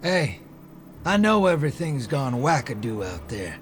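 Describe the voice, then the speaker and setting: An actor playing a sly, folksy rogue gambler in a video game, with a drawling, wheedling, theatrical delivery. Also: male voice, medium pitch, sing-song, unhurried. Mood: chummy, teasing. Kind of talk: video game character acting. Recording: faint music behind the voice.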